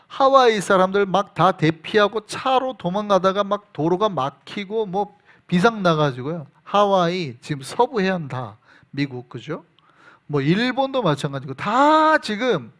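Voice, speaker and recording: A man preaching a Wednesday evening sermon in a church, animated, acting out shouted quotes and dropping to hushed whispers. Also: high-pitched. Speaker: pastor. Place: church sanctuary.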